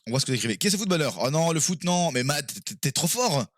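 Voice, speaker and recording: A man streaming live and playing a quiz game with his viewers, excitable and quick to exclaim and swear when he is stuck. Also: fairly high pitch, no room sound, clean studio sound.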